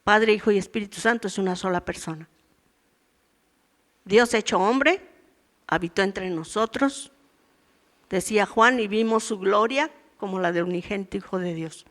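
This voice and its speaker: With a fairly bright, mid-range voice at a moderate pace and long pauses, a woman in her sixties delivers a conversational, story-filled sermon to a women's church meeting. She acts out voices from everyday life and her past.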